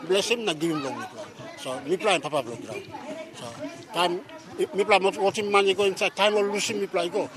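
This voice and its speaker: High-pitched Papua New Guinean man, crowd around. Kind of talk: vox pop on an election, in Melanesian pidgin. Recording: outdoor street with crowd noise.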